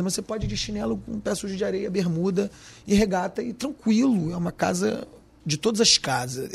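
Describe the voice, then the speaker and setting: A man's voice: high-pitched, gravelly, breathy edge. A man with a Carioca accent, a restaurant owner talking in an interview, slangy and emphatic. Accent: Carioca Portuguese. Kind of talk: podcast interview.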